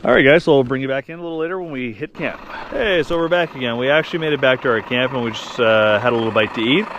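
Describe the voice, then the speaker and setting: A man's voice: mid-range voice, fast, a bit bright, dull audio. A man hosts an outdoor adventure vlog in a casual, chatty way. He speaks to the camera out in the open, with faint noise in the recording. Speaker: host of a hiking vlog. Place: outdoors in winter mountains.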